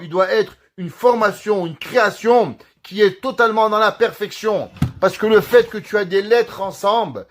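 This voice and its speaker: Animated high-voiced rabbi teaching. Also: male voice. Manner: animated, questioning the audience and answering himself. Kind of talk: Torah lesson in French.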